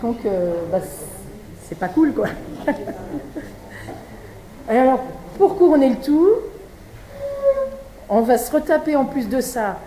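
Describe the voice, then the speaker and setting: Breton woman giving a talk, lots of euh and restarts, warm mellow voice, echoey room. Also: high-pitched, expressive, slow, pauses often. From Brittany, France. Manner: chatty, many fillers and restarts. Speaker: speaker at a vegan event. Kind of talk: conference talk. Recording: echoey room, faint background noise.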